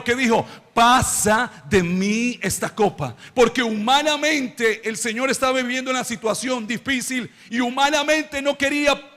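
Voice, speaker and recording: High-voiced preacher in an echoing hall. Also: male voice. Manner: emphatic preaching with drawn-out words and rising shouts. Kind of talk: sermon. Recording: long hall reverb.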